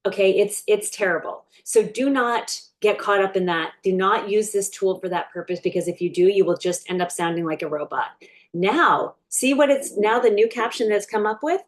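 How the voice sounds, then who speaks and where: Woman, business coach, talking through a screen-share lesson off the cuff, with a mid-range voice, loose and chatty, slowing down while she types out prompts. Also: medium pitch. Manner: chatty and unscripted, with frequent fillers and restarts; slows right down while dictating prompts. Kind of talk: casual screen-share tutorial.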